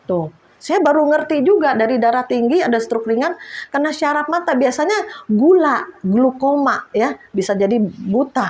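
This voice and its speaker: A woman's voice: high-pitched, expressive, normal speed, darkish tone. A woman in her fifties, an evangelist preacher, giving a chatty sermon testimony and often laughing as she talks to the congregation.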